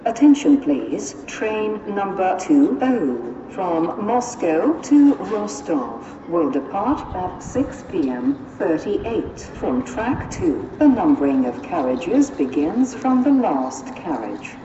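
A woman's voice: on the low side, very animated, slow, few pauses. A woman making formal, scripted public-address train announcements in a clipped, phrase-by-phrase airport announcement style. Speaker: railway station announcer. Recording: dull, distant, echoing, noisy station loudspeaker.

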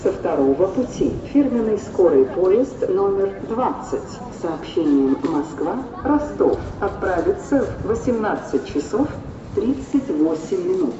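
A woman's voice: mid-range voice, very animated, measured pace, a crowd in the background. Female station announcer for airport-style PA calls: formal, clipped phrasing, swinging intonation, heavy echo. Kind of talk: public-address train announcement, like an airport announcement. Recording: dull, distant, echoing, noisy station loudspeaker.

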